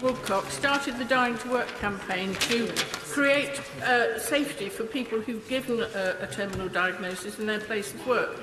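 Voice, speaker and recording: A woman's voice: a little high, moderate pace, hardly any pauses. A woman putting a formal question as a member of parliament. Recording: echoey hall with crowd murmur.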